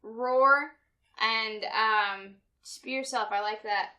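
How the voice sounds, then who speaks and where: A woman's voice: medium pitch, fairly even intonation, unhurried, sharp tone. A young woman chatting casually as a co-host, pronouncing her R's like W's. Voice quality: says w for r, can't pronounce R well. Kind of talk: casual chat.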